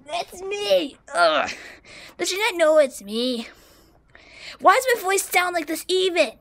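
A woman's voice: very high voice, animated, slow, fairly bright tone, full character voice. A woman voicing a cocky male hedgehog hero turned into a baby, frustrated and swearing in a plush toy video. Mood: annoyed.

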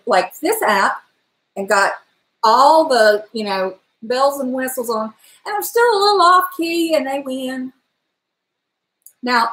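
Recorded on a webcam at desk distance, the sound is low quality and reverberant. A middle-aged woman with a slightly high, powerful trained voice chats animatedly on a casual live stream from her home kitchen. She gestures as she talks and occasionally breaks into song.

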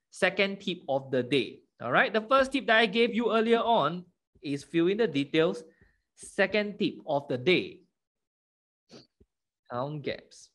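Animated young man teaching like a kids' show host. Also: high voice. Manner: animated kids-show-host delivery, prompting with questions. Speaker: online maths tutor for primary school children. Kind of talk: interactive lesson for children.

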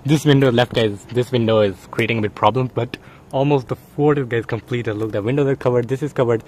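A young man chatting casually as a vlogger while filming from inside a blanket fort in a parked car, talking excitedly and saying guys constantly. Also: medium pitch, fairly quick, a little hiss or hum. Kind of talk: casual vlog narration. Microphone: handheld phone camera.

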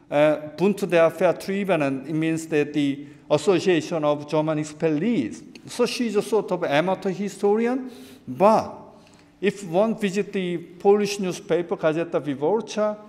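A middle-aged man from South Korea delivers an academic keynote from a lectern microphone in a large conference hall. His voice sits a little high for a man and trails into a long hall reverb. He talks with animated gestures and keeps restarting his phrases. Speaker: keynote speaker. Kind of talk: academic lecture.

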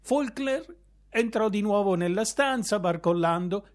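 A man reading a literary short story aloud in a slow, measured storytelling manner. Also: high voice, animated. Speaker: reader.

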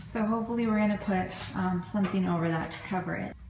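A woman's voice: mid-range voice, quick pace, far from the mic. Chatty woman in an echoey empty house. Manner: chatty, upbeat, pointing things out. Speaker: vlogger giving a house tour. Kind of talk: casual home tour narration. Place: unfinished house, indoors. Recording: echoey empty house, loud room noise.

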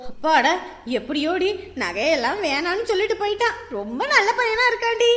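Woman acting wailing housewife, very high pitch, animated, noisy recording. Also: a little fast, roomy sound, full character voice. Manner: shrill, wailing and scolding. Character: frantic housewife wailing at a thief.

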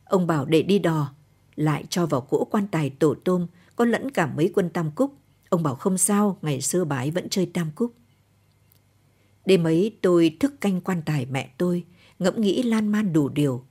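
A woman with a Northern Vietnamese accent reading a short story aloud in a calm, even late-night storytelling manner. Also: on the low side, moderate pace, husky. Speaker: story reader. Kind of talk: scripted narration of a short story.

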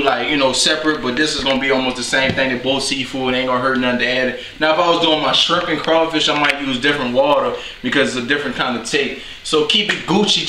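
A man from New Orleans with a New Orleans accent, casually chatting and joking with viewers while cooking in his home kitchen. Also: medium pitch. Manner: slangy, rambling, joking to viewers. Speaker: cooking video host. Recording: echoey room with clear noise.

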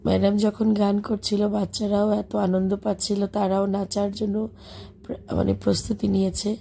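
A Bangladeshi schoolteacher narrates her vlog in a casual, separately recorded voice-over, chatty and warm about the children with frequent fillers as she rambles. Illness has left her voice hoarse, broken into heavy gravel, husky and dark. It sits mid-range with a level tone at normal speed.

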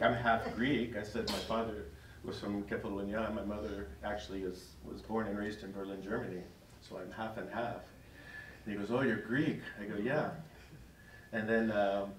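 A middle-aged priest tells a story to his parish in front of an audience in a church hall, speaking conversationally and chuckling as he goes. His voice is on the low side with a fairly bright tone, recorded on a distant mic in an echoey hall.

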